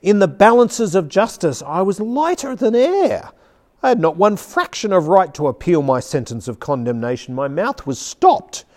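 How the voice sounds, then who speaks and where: Animated man teaching about preaching. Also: high voice. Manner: reads with strong emphasis, slowing on key words. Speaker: preaching instructor. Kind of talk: teaching talk with a dramatic read-aloud. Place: seated at a chair.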